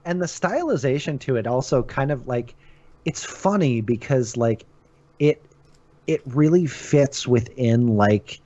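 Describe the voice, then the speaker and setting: A man's voice: mid-range voice, lively intonation, a little slow, warm tone, muffled recording. A man chatting casually and animatedly about video games as a guest reviewer. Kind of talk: casual video game discussion.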